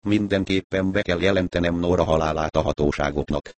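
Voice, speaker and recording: A man's voice: deep voice, no room sound, natural voice. A man putting on a grave, self-pitying gang boss. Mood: grieving. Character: remorseful middle-aged male gang boss.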